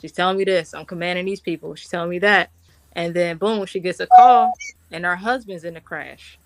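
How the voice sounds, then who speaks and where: A woman's voice: lowish voice, fairly even intonation, a little fast. A woman, a military officer being interviewed, telling war stories in an informal, slangy way and acting out the dialogue. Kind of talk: animated personal war story told conversationally.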